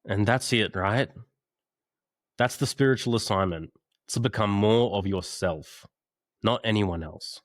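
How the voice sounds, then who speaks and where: A man's voice: on the low side, measured pace, long pauses, no echo, clean studio sound. A man, a podcast guest, talking earnestly over a video call and telling a parable in casual conversation. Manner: earnest, storytelling.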